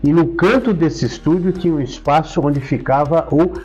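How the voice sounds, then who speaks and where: An older man from São Paulo, Brazil, speaks with a Brazilian Portuguese accent in a fairly high, darkish voice with a breathy edge, at a moderate pace. He's a professor and author appearing as an interview guest, casually recounting and explaining memories. The recording is muffled, with faint music behind.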